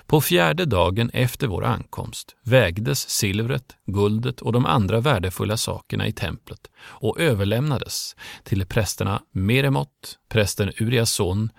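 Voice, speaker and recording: A man giving a scripted Bible reading in a measured, even pace. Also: lowish voice, gravelly, no room sound, clean studio sound. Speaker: scripture reader.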